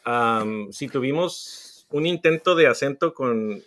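Laid-back podcast co-host, a man, bright voice, rambling with fillers. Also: mid-range voice, takes it slowly. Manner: relaxed, trails off with fillers. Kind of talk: casual chat.

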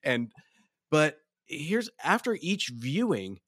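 A man's voice: fairly high pitch, sing-song, takes it slowly, fairly bright tone, slightly rough, no room sound, studio quality. A man co-hosting a casual film review podcast, talking in a discursive way that builds gradually to his opinions. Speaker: podcast co-host.

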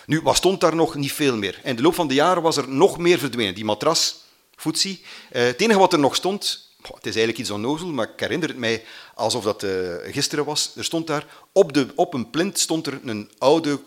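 A man from Belgium with a Flemish accent, telling a personal story and acting out the voices of the people in it. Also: medium pitch. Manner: animated, acts out quoted voices.

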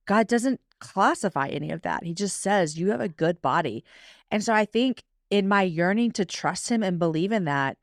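A woman's voice: medium pitch, lively intonation, dry recording, studio quality. A woman in her forties, a guest author talking candidly and emotionally in a casual podcast interview. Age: 40s. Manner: candid, emotional, quick self-talk asides.

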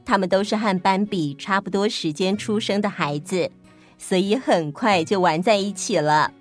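A woman stand-in host telling a children's story in a gentle, even way. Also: medium pitch, moderate pace, faint music behind.

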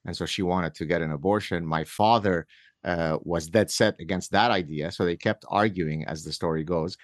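Middle-aged male guest from Lebanon, low voice, wry storyteller, dry close mic. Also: normal speed, no echo. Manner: earnest, wry storyteller with frequent restarts. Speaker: author and guest. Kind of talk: conversational storytelling.

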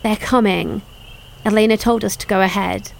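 An actress playing a calm, reassuring woman who keeps dogs and soothes a tense group. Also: medium pitch, normal speed, gravelly, slight background noise, close to an everyday voice. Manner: reassuring, gentle. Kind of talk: audio drama acting.

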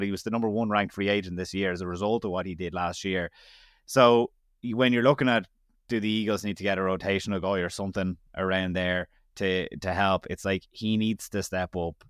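A man's voice: sits low, dry recording, studio quality. A man with an Irish accent co-hosting a sports podcast, chatting through football analysis with frequent restarts. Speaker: podcast co-host. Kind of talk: casual sports podcast chat.

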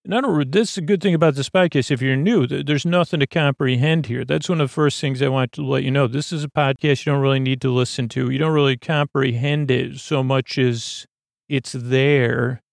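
A man hosting a sleep podcast, talking slowly in a meandering, self-interrupting bedtime monologue with a creaky voice. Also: mid-range voice, steady tone, dry recording, studio quality. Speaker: podcast host.

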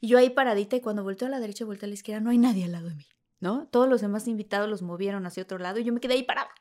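A woman with a Mexican Spanish accent, a guest telling an anecdote in an animated way. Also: medium pitch, racing. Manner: animated, acts out the scenes. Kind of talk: storytelling anecdote.

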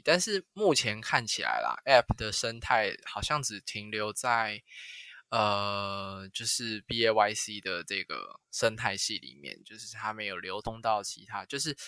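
A man's voice: on the low side, pushed and bright, dry recording. A man with a Taiwanese accent chatting casually as a podcast host. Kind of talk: casual chat.

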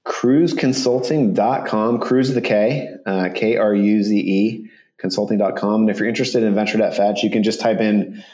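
A man's voice: fairly low pitch, fairly even intonation, moderate pace, a little mellow. A man in a casual interview, speaking as a guest founder. His manner is chatty and informal, with some self-deprecation. The sound is slightly dull and lo-fi, as on a remote call. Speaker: podcast guest, startup accounting firm founder. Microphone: remote call with headphones.

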